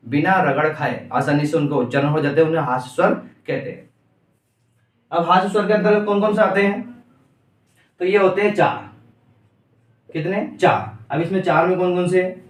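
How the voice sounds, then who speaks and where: A man's voice: on the high side, recorded from a distance. Male teacher, echoey room off-mic. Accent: Indian Hindi. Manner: asks the class questions and answers them himself. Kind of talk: exam-prep grammar lesson.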